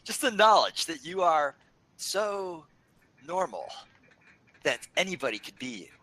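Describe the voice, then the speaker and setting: A man's voice: on the high side, a little slow, low-quality recording. A man hosting a video game let's play who reads a funny story aloud with lots of laughs. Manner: animated, laughs between lines. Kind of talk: casual gaming commentary with a dramatic story reading.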